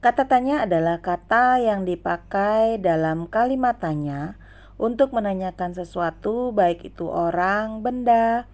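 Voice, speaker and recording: A woman's voice: lowish voice, gravelly, darkish tone. A young adult woman teaching a grammar lesson, listing examples one by one.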